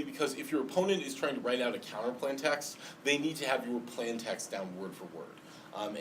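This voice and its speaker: A man lecturing a class on debate, explaining step by step with many ums and a slight lisp today. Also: mid-range voice. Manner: explanatory, frequent ums and restarts. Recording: distant mic, faint background noise.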